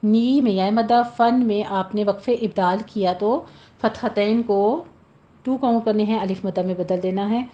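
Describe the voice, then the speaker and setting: A woman teaching a tajweed lesson, slowly reciting verses and then explaining the pronunciation rules in a plain instructive voice. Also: mid-range voice, dark tone, highs cut off. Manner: slow, deliberate, drawn-out recitation between plain instructions.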